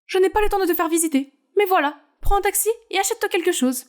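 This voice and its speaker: Woman narrator puts on a bossy storybook mother: curt and cold, pitched high. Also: quick pace. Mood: scornful. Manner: curt and commanding.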